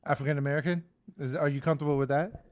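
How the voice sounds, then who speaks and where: A man's voice: a little high, fairly even intonation, racing, a little mellow, no echo. Laid-back, teasing young man. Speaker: podcast co-host. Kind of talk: casual chat.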